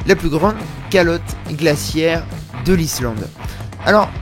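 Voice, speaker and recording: A man's voice: on the high side, animated, slow pace. A young man narrating a travel photography vlog in a casual way, with informal youth slang. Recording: music behind the voice. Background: music.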